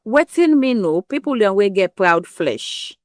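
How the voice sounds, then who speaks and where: Speaking at medium pitch in an unhurried, sing-song way, a woman with a West African Pidgin English accent appears as an interview guest on women's health. Her explanations are frank, emphatic and full of everyday comparisons, in a dry, studio-quality recording.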